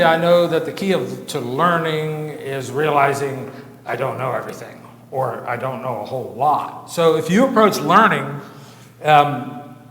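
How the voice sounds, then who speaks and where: An American man preaching a sermon-style lecture, halting and repeating words, earnest and emphatic. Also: medium pitch, fairly bright tone. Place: church. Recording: echoey church hall.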